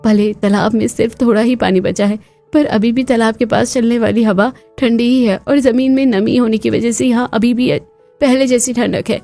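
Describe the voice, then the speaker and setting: A woman narrating a cartoon story in a steady scripted telling. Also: fairly high pitch, normal speed, no room sound, soft background music.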